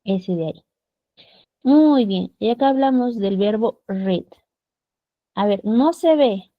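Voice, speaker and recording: A woman's voice: medium pitch, animated, takes it slowly, no echo, dull audio. Patient Peruvian woman teaching online. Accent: Peruvian Spanish. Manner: patient, checks understanding with frequent tag questions. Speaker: English teacher. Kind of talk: online class over video call. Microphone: computer mic on a video call.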